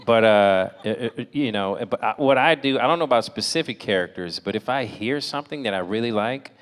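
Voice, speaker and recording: A male voice actor answering fan questions on a convention panel, animated and playful. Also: mid-range voice, fast. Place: large convention hall. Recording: echoey convention hall.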